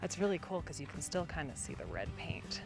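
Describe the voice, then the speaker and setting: A woman's voice: sits low, sing-song, a little fast, creaky. A woman giving a chatty, enthusiastic vlog tour, telling stories to viewers like a guide. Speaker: travel vlogger and former tour guide. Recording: background music under the voice. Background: music.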